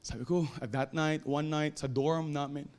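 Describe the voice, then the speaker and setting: A man with a Filipino accent preaching a sermon in a church, swinging between shouted exhortation and low, quiet storytelling. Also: fairly even intonation, moderate pace. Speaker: pastor. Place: church sanctuary.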